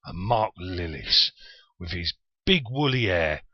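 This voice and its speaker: A man's voice: sits low, lively intonation, takes it slowly, no room sound, highs cut off. A man in his forties from Yorkshire with a southern English accent, telling a personal story in a chatty, self-deprecating way. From Yorkshire, England. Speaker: vlogger.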